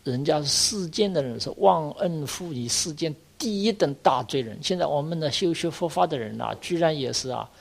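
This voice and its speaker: An older man, a Buddhist monk, giving an earnest dharma lecture, exhorting his listeners and filling pauses with drawn-out sounds. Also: fairly high pitch, lively intonation, gravelly.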